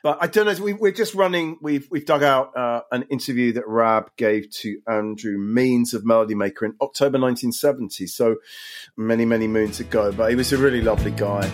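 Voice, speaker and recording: A man's voice: medium pitch, fairly quick. Genial man in his sixties hosting. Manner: genial, asks guests to share. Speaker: host. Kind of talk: casual chat.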